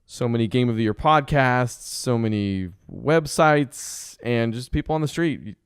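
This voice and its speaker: A man's voice: mid-range voice, normal speed, clear, resonant tone, dry recording, clean studio sound. A man hosting a podcast in casual chat, joking and rambling, laughing often. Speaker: podcast host.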